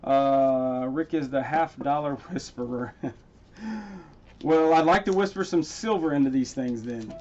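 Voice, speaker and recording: A man hosting a casual coin-hunting livestream. He talks straight to his chat viewers by name and gets loudly excited over his finds. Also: mid-range voice, unhurried, lo-fi sound.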